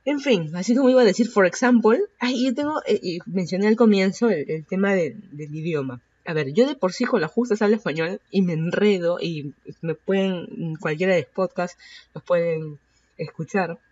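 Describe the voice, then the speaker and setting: At a normal speed and in a lowish, darkish voice, a thirtysomething woman from Peru rambles through her casual solo podcast with a Peruvian Spanish accent, using many fillers and correcting herself often. The sound is lo-fi.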